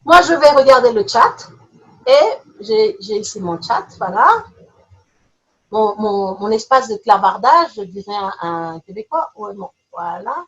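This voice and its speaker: A woman running an online teaching webinar from her computer, reading out chat answers in quick playful lists. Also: mid-range voice, expressive, slightly rough, low-quality recording. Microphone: computer mic on a video call.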